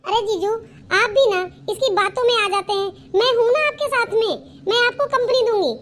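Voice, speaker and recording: A woman's voice: very high voice, moderate pace, crowd noise. A woman voicing a meddling young sister-in-law in a cartoon, sweetly pushy and chatty. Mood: coaxing. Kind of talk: cartoon voice acting.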